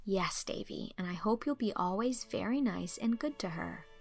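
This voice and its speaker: A woman reads as a gentle young guardian in a storybook. Her voice is mid-pitched with some creak, and she speaks in a measured, affectionate, patient way over faint music. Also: lively intonation. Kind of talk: audiobook character acting.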